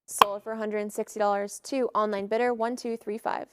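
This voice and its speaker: A woman auctioneer calling bids in a live auction with brisk, formulaic patter. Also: medium pitch, level tone, background noise.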